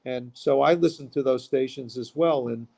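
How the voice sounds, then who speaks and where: A man's voice: mid-range voice, normal speed, creaky, dark tone. A man from Queens, a musician talking casually as an interview guest. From Queens, New York.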